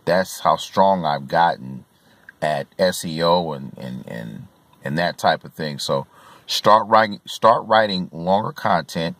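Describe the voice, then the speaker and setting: A man's voice: deep voice, fairly bright tone, dry recording. A man in his forties giving earnest coaching advice from inside a car, filmed on a phone camera at arm's length, with many fillers and restarts. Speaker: real estate investor giving tips. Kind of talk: casual advice vlog. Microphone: phone camera at arm's length, filmed from below.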